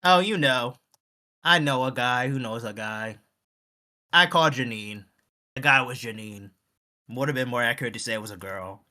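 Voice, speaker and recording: Bright-voiced man, animated podcast host. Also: mid-range voice, moderate pace, pauses often. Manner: animated, acts out quoted voices. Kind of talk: casual chat.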